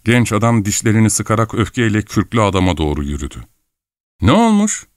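Audiobook narrator, male, calm and measured, lowish voice, dry close mic. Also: no room sound.

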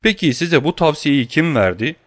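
A cold, grimly menacing young nobleman, voiced by a male audiobook reader, clipped and hard in every line. His voice sits a little higher and pushes a little louder than the narration around it. The recording is dry and close, with no room sound. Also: expressive, normal speed, no room sound. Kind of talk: audiobook character reading.

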